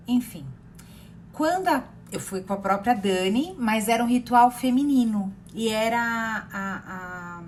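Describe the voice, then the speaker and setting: A woman in her thirties with a Brazilian accent, a therapist telling a personal story in a rambling, animated way with many fillers and repeated words. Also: mid-range voice, slight background noise. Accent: Brazilian Portuguese. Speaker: therapist sharing personal experience.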